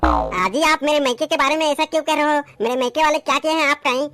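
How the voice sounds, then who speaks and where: A woman's voice: high-pitched, fast, music in the background, lightly acted. A woman voicing a naive young wife from the city in a comic skit, speaking politely and defending herself. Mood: pleading. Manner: pleading, polite, innocent.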